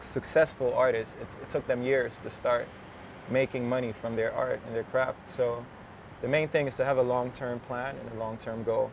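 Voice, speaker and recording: A man's voice: mid-range voice, creaky, slight background noise. A man in his twenties, a rapper, chatting casually and slangily in an interview outdoors, often laughing and drifting off topic. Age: 20s.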